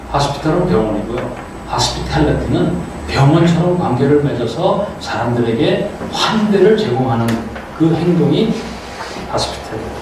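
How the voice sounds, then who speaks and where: A middle-aged man giving a humorous guest lecture full of anecdotes, playfully teasing the audience. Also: medium pitch. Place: auditorium. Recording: echoey hall from far off, noisy.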